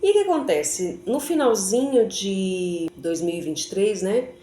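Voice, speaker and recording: A woman tells her own faith story in a chatty, familiar way, always checking in with her listeners. Her voice sits at an ordinary middle pitch and rings around a roomy, echoey space, with a faint hiss underneath. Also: animated, a little slow, warm tone. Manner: chatty, keeps addressing viewers with tag questions. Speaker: vlogger giving a faith testimony. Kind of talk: personal testimony storytelling. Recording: echoey room.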